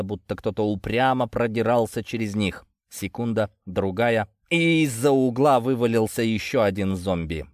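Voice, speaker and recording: A man's voice: mid-range voice, no room sound, studio quality. A man narrating a first-person story from a script. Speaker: audiobook narrator.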